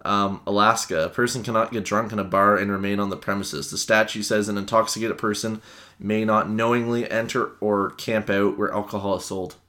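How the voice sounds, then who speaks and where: A man's voice: on the low side, fairly even intonation, fairly quick, pushed and bright. A young man from Canada co-hosting a podcast, chatting casually, joking, laughing often and swearing. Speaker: podcast co-host. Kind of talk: casual chat.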